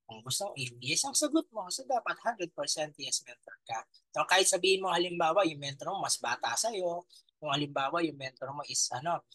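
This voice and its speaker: A man in his thirties with a Filipino accent gives an animated motivational talk to a live audience. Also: a little high, no room sound, rough recording. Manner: animated, talks straight to the audience. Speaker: motivational speaker.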